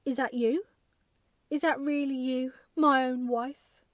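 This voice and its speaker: A bewildered, devoted husband from a bedtime storybook, played by a woman. He sounds plaintive and emotional, lifted higher than the reader's own voice. The soft ASMR delivery is dry and close. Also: moderate pace, dry recording. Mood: tearful amazement. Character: anxious, tearful, devoted husband, easily bewildered.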